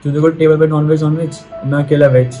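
A man's voice: on the high side, level tone, fast. Young man talking through a face mask. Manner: chatty, joking, mixes English into Hindi. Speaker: food vlogger. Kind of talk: casual vlog chat. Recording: loud music behind. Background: music.

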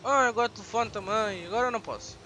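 A young man with a European Portuguese accent commenting on his gameplay, swearing and shouting at the game. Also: high-pitched, racing, over music. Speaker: gaming YouTuber.

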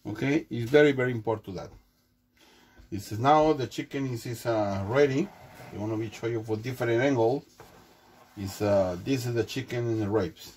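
Captured in low quality from across a small home kitchen, a male home cook demonstrates a dish casually while a noticeable hum fills the background. He speaks with a medium-pitched, darkish voice in halting non-native English, restarting often.

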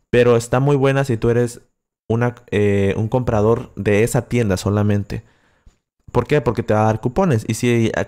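A man's voice: lowish voice, darkish tone. A young man from Acapulco with a coastal Guerrero Mexican accent, chatting casually on a livestream with many fillers and restarts, close to the microphone. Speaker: livestream host answering chat.

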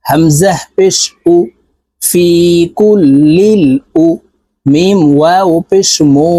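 A Bangladeshi man teaching Quran reading in a very slow, careful cadence. He spells each syllable, then sings out the full word. His voice sounds mellow and warm, recorded close and dry. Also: high-pitched, no echo. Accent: Bangladeshi Bengali. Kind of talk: slow spelling-out recitation lesson.

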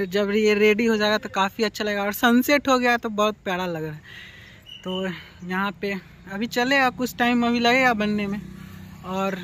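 A young man in his twenties from Bihar, India, vlogs enthusiastically while giving viewers a walking tour of an open field at sunset, holding his phone at arm's length to film himself. His voice sits high and a bit bright. The audio is poor, with a little hiss or hum.

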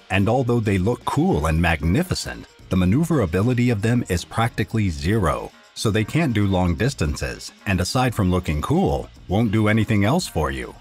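A man reading a scripted voice-over narration in a steady, informative explainer manner. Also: fairly low pitch.

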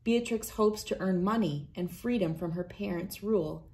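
Her medium-pitched voice carries a deliberate, expressive storytelling manner as she reads a children's picture book aloud. She's a read-aloud host in her thirties, indoors in a room with wood panelling and large windows.

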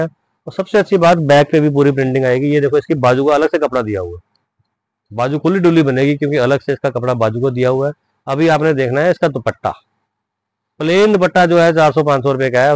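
A man giving an insistent teleshopping-style sales pitch as a wholesale seller showing his stock. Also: darkish tone, rough recording. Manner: insistent selling, repeating prices and urging orders. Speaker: wholesale ladies' suit seller presenting stock.

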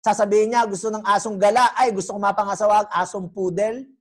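A woman preaching a sermon. She is animated and teasing, and keeps quizzing the congregation. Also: mid-range voice, quick pace. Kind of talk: sermon teaching.

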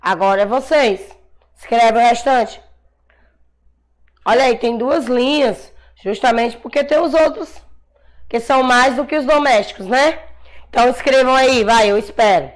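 A Brazilian woman teaching a class of young children, sounding out syllables slowly and patiently, calling herself auntie and praising often. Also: fairly high pitch. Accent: Brazilian Portuguese. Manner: calls herself "tia", encouraging praise. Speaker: primary school teacher. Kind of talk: slow dictation-style class for young children.

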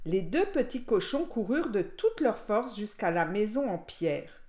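Lively woman reading a children's story. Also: mid-range voice, unhurried. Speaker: teacher reading aloud.

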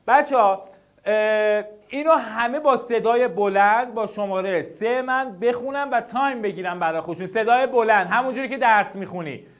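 Animated high-voiced male teacher. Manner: animated, addresses students directly. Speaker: study skills teacher. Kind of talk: classroom lecture to students.

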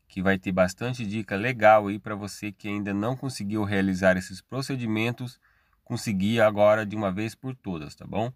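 Speaking in a lowish voice with a Brazilian Portuguese accent, a Brazilian man hosts a tech channel's screen-recorded tutorial. He goes step by step in a relaxed way, checking in often through tag questions, and the audio is clean studio sound without any room sound.

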